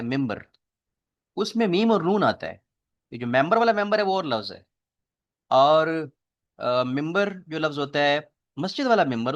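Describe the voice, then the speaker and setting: A man's voice: fairly high pitch, dull audio. Man teaching a class. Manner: explains step by step, quizzes students. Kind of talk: classroom lecture. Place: classroom with students.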